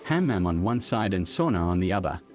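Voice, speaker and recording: A man with a lowish voice reads a documentary voice-over in a measured, steady way, his pitch moving freely through each line. Music plays clearly beneath him. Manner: measured, even voice-over delivery. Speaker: documentary narrator. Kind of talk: scripted documentary narration. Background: background music.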